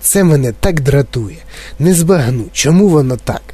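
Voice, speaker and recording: A man voicing a fussy, eccentric candy maker who talks in soft, rueful sighs. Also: a little high, lively intonation, moderate pace, breathy edge.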